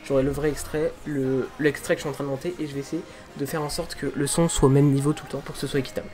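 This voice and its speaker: Un jeune homme youtubeur, bavard et autodérisoire, qui explique son doublage amateur au micro de bureau, chez lui le soir. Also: male voice, medium pitch, racing, soft background music. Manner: chatty, self-deprecating, excited. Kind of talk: casual amateur dubbing vlog. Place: room at home, late at night. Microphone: desk microphone.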